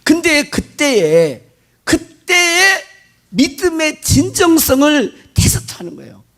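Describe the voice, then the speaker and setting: A male pastor delivering an animated sermon, firing rhetorical questions at the congregation and mimicking worshippers' prayers. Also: extremely high pitch, slow.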